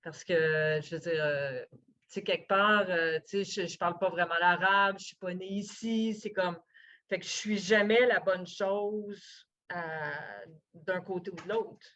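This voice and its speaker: A woman's voice: fairly low pitch, measured pace, fairly bright tone. Woman on a video panel, casual, kinda trails off, muffled sound. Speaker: poet. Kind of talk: online panel discussion. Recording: dull lo-fi sound.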